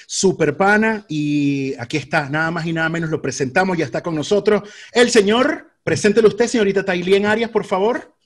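A man from Venezuela hosting a podcast over a video call, introducing his guest with playful jokes. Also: on the high side. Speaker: podcast host. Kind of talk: casual podcast chat.

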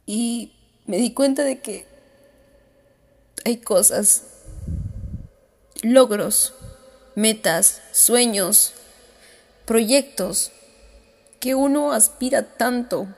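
On the way home, a woman podcast host cries as she delivers a heartfelt motivational monologue full of repeated self-affirming phrases. Her voice is fairly high, creaky, and darkish in tone.

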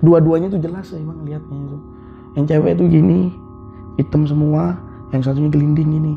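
A man who works as an online motorbike taxi driver, telling his experience in a casual, animated way, repeating himself and acting out sounds. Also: on the high side, fast, vocal fry. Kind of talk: casual spoken storytelling. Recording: dull lo-fi sound with faint music.

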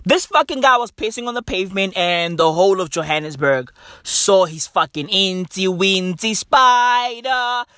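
A man talking like a frat bro in a casual vlog, full of slang and swearing, repeating catchphrases with animated, drawn-out emphasis. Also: high-pitched, no echo, studio quality. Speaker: vlogger. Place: inside a car.

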